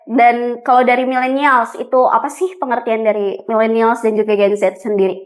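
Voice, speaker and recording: Young female podcast host, high-pitched, chatty with frequent fillers. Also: level tone, moderate pace. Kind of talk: casual podcast chat.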